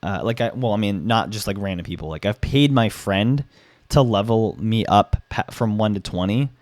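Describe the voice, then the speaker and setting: Hoarse young man rambling casually. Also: lowish voice, moderate pace, darkish tone, dry recording. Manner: rambling, many fillers and restarts, casual swearing. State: hoarse, losing his voice. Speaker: gaming YouTuber. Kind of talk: casual opinion vlog.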